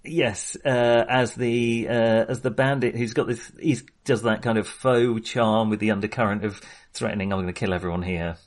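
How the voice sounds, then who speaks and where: Speaking at normal speed with few pauses, this film podcast co-host has a lowish voice and fairly even intonation. His talk is casual yet analytical, an informal, chatty thinking-aloud.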